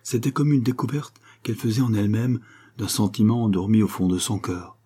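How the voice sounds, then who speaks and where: A man calmly narrating a classic children's novel as an audiobook, in a measured way. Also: fairly low pitch, husky.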